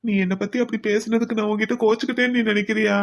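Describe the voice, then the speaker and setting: A man voicing a remorseful young man in a cartoon, softly pleading with his beloved for forgiveness. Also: high-pitched, little pitch movement, rapid-fire, natural voice. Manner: soft, pleading, repeats "baby". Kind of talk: cartoon voice acting.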